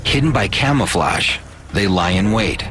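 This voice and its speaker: A man's voice: on the low side, expressive, normal speed, fairly bright tone, faint music behind. A man reading scripted nature documentary narration with dramatic, suspenseful phrasing.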